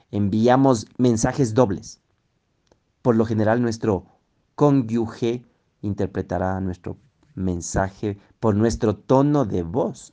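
A middle-aged man giving a calm audio talk on kind words in relationships, explaining and asking rhetorical questions. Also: on the low side, gravelly. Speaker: relationship teacher.

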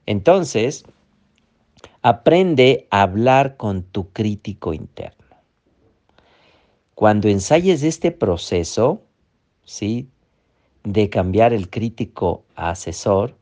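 A man's voice: lowish voice, darkish tone. A man giving a motivational talk as a coach, often checking in with his listeners. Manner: coaxing, frequent checking "¿sí?".

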